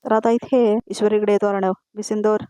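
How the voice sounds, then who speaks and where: A woman narrating a voice-over review of a TV serial episode, retelling scenes quickly and often addressing the viewers. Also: medium pitch, level tone, warm tone, no room sound.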